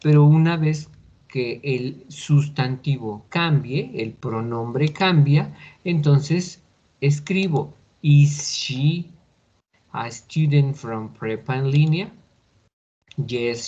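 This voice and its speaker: Guy teaching english online, talks slow and careful, keeps asking ok?, muffled lo-fi call audio. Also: medium pitch, darkish tone. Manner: patient, deliberate explaining with repeated checks like "¿ok?". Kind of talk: recorded online class explanation. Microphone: computer mic on a video call. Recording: dull lo-fi video call recording.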